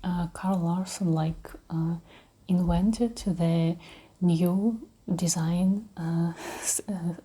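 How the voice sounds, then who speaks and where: A woman talks in a soft, breathy ASMR voice that often slips toward a whisper. Her tone is dark and mellow, a little low for a woman. She has a Russian accent and a gentle, hesitant, unhurried delivery. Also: fairly even intonation. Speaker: ASMR creator. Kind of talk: soft-spoken ASMR talk.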